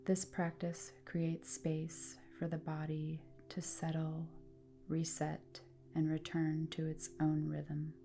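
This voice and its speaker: A yoga nidra guide leads a guided rest practice in a low, mellow, slightly creaky female voice. She speaks slowly and deliberately, leaving space between phrases, with a calm, soothing delivery like scripted meditation narration.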